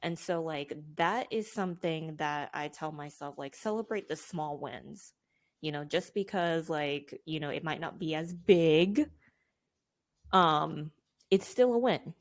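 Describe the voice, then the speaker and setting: A woman's voice: deep voice, unhurried. A young woman hosting a podcast interview, chatty and casual, with lots of fillers. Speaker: podcast host.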